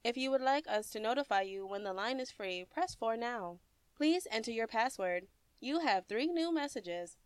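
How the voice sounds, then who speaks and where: A woman's voice: a little high, clean tone, no room sound. Polite woman reading phone menu prompts. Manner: polite, even, measured. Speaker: automated phone system voice.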